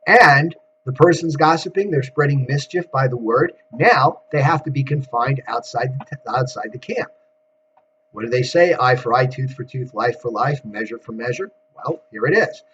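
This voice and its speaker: Rabbi, male, relaxed talky weekly sermon; dull home recording with a light hum. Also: mid-range voice, normal speed. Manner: conversational, asks rhetorical questions.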